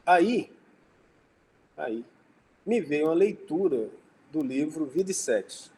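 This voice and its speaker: A man's voice: on the high side, lively intonation, takes it slowly, darkish tone, slightly rough, rough recording. A man with a Brazilian Portuguese accent gives an informal religious study talk, telling anecdotes and acting out dialogue. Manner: conversational, tells anecdotes and acts out dialogue. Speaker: spiritist lecturer.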